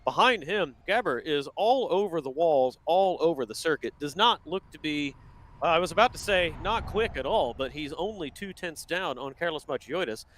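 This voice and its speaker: A man delivers live sim racing commentary at a steady clip, calling each corner and lap time. His voice sits a little on the high side. He often stops mid-sentence to correct a name or a turn number. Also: moderate pace, slight background noise.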